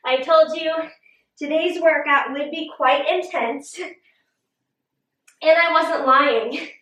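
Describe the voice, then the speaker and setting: Woman fitness coach, winded, high voice, slow steady cues, recorded from a distance. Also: dull audio. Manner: coaching, encouraging, breathy exclamations between cues. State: out of breath. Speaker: fitness instructor. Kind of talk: workout video instruction. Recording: roomy echo, distant mic.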